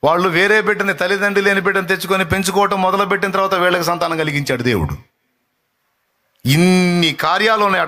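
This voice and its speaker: With a high-pitched, bright, forceful voice, this male preacher gives an impassioned sermon. He repeats lines so the congregation can echo them, and he plays out taunting voices only to rebuke them.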